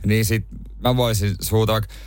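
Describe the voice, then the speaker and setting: A man's voice: on the low side, flat delivery, darkish tone, clean tone, no echo. A man co-hosting a morning radio show in a studio, joking in casual banter and laughing easily. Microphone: studio microphone.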